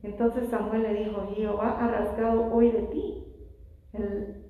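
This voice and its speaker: A woman's voice: mid-range voice, level tone, unhurried, phone-quality sound. A woman preaching a fervent sermon, reading scripture and calling her listeners brothers. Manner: fervent, addresses congregation as brothers. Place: church. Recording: very echoey church hall.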